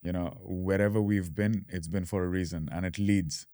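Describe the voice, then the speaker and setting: A man in his thirties from Dubai, guesting on a podcast and explaining things at an easy, relaxed pace. His voice sits very low and sounds warm and mellow. The room is dry, with no echo. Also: normal speed. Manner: relaxed, explanatory, fillers and restarts. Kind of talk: casual interview.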